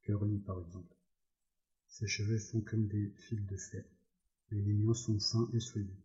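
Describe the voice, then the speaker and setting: A man's voice: lowish voice, flat delivery, a little slow, a little mellow, dull audio, close to an everyday voice. A man voicing a vain, teasing young ranch wife.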